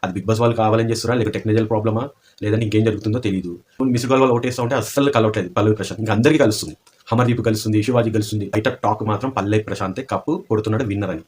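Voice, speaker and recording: Rapid-fire male commentator. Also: fairly low pitch, darkish tone. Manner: rapid, rhetorical questioning. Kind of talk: fast opinion commentary.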